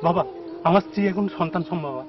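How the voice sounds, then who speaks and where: A man's voice: fairly high pitch, fast, lightly acted. An actor playing an anxious village husband who eagerly pleads with a holy man for his child. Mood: pleading. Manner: pleading and eager, calling "baba" often. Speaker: village devotee, expectant father. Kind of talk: devotional film acting. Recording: dull lo-fi film soundtrack with faint noise.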